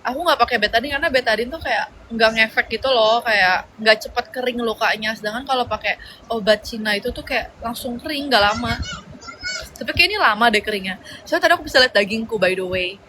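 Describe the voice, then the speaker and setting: A woman's voice: on the high side, quick pace, background noise. A young woman chatting casually on a livestream, reading out viewer comments and rambling with slangy fillers.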